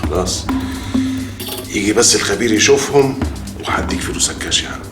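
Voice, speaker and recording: Brief: actor for a cool Egyptian crime boss, lowish voice in a roomy space. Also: male voice, a little fast, close to an everyday voice. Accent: Egyptian Arabic. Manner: calm, quietly menacing. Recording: roomy, music underneath.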